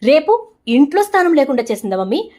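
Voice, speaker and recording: A woman's voice: sits high, sing-song, fairly quick, mellow. A woman voicing a jealous, scheming young woman villain who talks in a bitter, possessive, defiant way.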